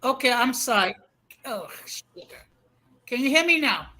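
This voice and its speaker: A man's voice: extremely high pitch, lively intonation, unhurried, pushed and bright. A man on a video call whose audio keeps breaking up and dropping out, speaking in short frustrated bursts. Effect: choppy call audio breaking up and dropping out. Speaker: call-in panelist. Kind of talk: casual group discussion. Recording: faint, distant, glitchy call line.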